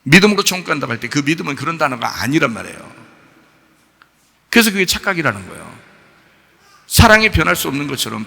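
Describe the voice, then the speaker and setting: A male pastor preaching a sermon, firing sharp questions at the congregation and switching between loud rebuke and quiet explanation. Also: fairly high pitch, creaky, big-room sound. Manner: exhorting, swings from shouted rebukes to soft explanation; addresses listeners directly with sharp questions. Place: church sanctuary.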